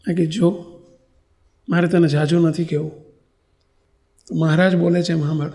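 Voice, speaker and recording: A man's voice: on the high side, little pitch movement, moderate pace, warm tone. A man with a Gujarati accent who is a monk preacher, telling a story in a sermon and acting out the dialogue.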